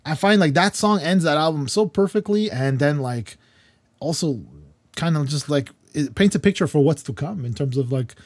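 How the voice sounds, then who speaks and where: A man's voice: fairly high pitch, animated, normal speed, no echo, clean studio sound. A man co-hosting a music podcast, talking casually and rambling, with many fillers and restarts. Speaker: podcast co-host. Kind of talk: casual roundtable chat.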